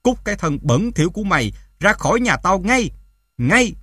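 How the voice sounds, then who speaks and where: A man doing a shrill, spiteful drunken mother. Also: slow, no echo, clean studio sound, lightly acted. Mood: furious. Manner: shrill, sneering shouts. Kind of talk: audiobook character voice.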